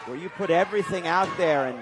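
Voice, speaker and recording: A man doing live wrestling commentary, excitable and quick to exclaim at the big moves. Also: high voice. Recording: loud crowd noise, live event venue. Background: crowd and event noise.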